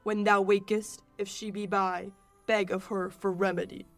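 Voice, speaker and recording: A stern fairy king voiced by a female in her late teens gives orders in imperious verse. The pitch is middling, in the manner of an amateur Shakespeare radio play. Faint music plays underneath. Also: level tone, moderate pace, creaky, lightly acted. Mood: commanding, incantatory. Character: commanding, stern fairy king casting love spells.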